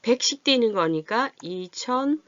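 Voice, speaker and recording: A dull, dry, lo-fi recording with no echo captures a woman whose voice is a little high, expressive, and somewhat bright. She's an adult literacy teacher giving a classroom math lesson on reading and writing large numbers, patiently checking with questions whether her learners follow and counting in a drawn-out way as she writes.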